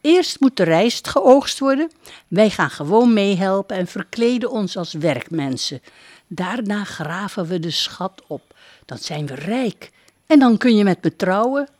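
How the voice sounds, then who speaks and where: A woman reading a storybook aloud and voicing a young princess with a high, eager, playful voice. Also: sing-song, measured pace, darkish tone, no room sound, clean studio sound. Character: young girlish princess, lively and bold.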